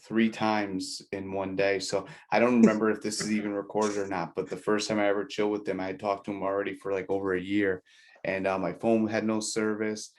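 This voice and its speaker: A man hosting a casual podcast, his voice sitting on the low side. He talks in a relaxed, chatty way and laughs along easily with his guest. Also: brisk. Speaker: podcast host. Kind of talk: casual interview chat.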